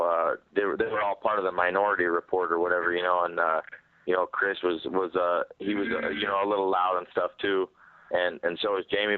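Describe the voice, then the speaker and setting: A man with a very deep, quite flat voice gives candid interview answers. He halts and repeats words as he goes, and the sound is a narrow, dry phone conference line. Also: no echo. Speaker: professional MMA fighter being interviewed. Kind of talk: candid media call answer. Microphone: telephone.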